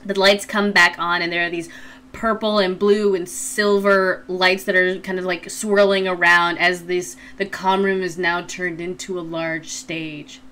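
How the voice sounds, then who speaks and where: Bright-voiced woman game master, unhurried. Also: lowish voice, flat delivery, clean tone. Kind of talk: improvised tabletop game narration. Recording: faint background noise.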